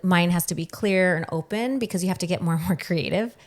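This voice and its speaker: A woman with a slightly low voice talks as an interviewer in a casual conversation. She is chatty and affirming, phrasing things loosely as she goes. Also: a little fast. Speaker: podcast interviewer.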